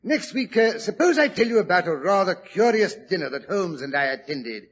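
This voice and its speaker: An actor playing Doctor Watson, a genial older companion telling the story afterward in a chatty way, in a 1940s radio drama. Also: male voice, high voice, very animated, moderate pace, a bit bright.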